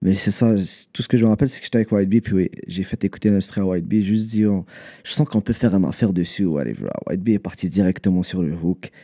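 Guy, rapper, chill and low-key, dark warm voice, drops english words. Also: fast. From Montreal, Canada. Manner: relaxed, mixes English words into French. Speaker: rapper guest. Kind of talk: casual interview.

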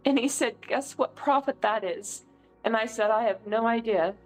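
A middle-aged woman from California giving an earnest, emotional testimony as an interview guest, telling stories with lively feeling. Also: fairly high pitch, normal speed, faint music behind, low-quality recording. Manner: emotional, earnest, animated storyteller. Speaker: political candidate, guest.

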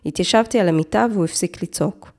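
A woman narrating a true-crime story, reading in a measured way with short, clipped phrases. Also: fairly low pitch, a little mellow. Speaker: podcast narrator.

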